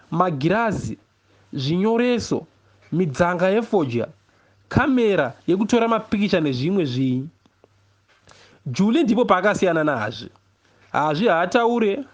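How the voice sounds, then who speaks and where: A poet with a Zimbabwean accent reads a first-person story from a literary novel, expressive and measured, with deliberate pauses. His high voice is very animated.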